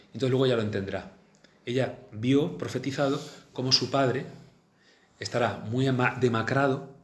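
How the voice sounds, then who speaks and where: Chatty man in a roomy space. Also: medium pitch. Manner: chatty, many fillers and restarts. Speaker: speaker on a saint's life. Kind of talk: storytelling talk mixing reading and comment. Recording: roomy echo.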